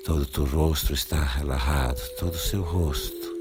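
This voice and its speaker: Very low-pitched man, gentle guided meditation, soothing repetition, music clearly behind. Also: fairly even intonation, normal speed. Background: music with singing bowl tones.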